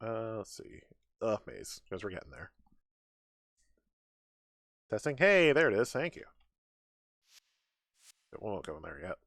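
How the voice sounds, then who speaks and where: A man's voice: lowish voice, very animated, a little slow, pauses often, a bit bright, no room sound, studio quality. A man giving chatty, casual live game commentary with wry asides, switching into reading on-screen text aloud. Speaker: game streamer. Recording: game music behind the voice. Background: video game music.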